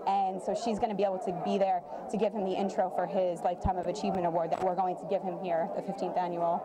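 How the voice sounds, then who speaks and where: A woman's voice: on the low side, little pitch movement, quick pace, a crowd in the background. A young adult woman giving casual, hesitant, rambling interview answers as a guest. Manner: hesitant, rambling, many likes and you-knows. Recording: noisy event room. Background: clear background noise.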